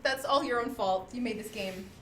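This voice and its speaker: Chatty high-voiced woman, roomy and distant. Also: moderate pace, over a noisy crowd. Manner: chatty, laughs often, playful judge. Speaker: streamer host running a party card game. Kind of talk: casual game-stream banter. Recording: roomy room, distant mic, faint hiss.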